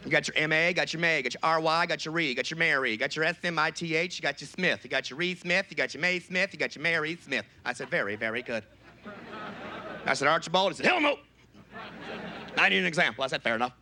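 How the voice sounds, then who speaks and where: A man doing a stand-up comedy routine, jumping into loud high-pitched voices when he quotes people. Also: fast, slight background noise. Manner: shouts high falsetto quotes of other people.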